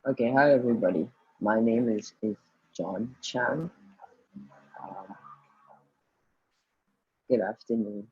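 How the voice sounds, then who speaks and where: Husky man tutoring. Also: medium pitch, takes it slowly, pauses often, lo-fi sound. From Guyana, raised in the Bahamas. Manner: informal and hesitant, with frequent restarts. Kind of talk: online tutoring session. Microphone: video call.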